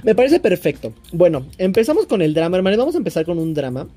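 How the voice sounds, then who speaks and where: A man's voice: high voice, very animated, quick pace, warm tone, slightly rough. A man with a Mexican accent, co-hosting a podcast, casually reading gossip aloud with playful asides, stumbling over words and acting out the quoted voices.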